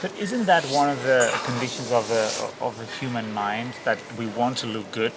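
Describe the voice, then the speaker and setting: A man's voice: medium pitch, moderate pace, noisy background. A man hosting an interview, asking long, rambling questions with many restarts. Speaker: interviewer, host. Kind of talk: casual conversation.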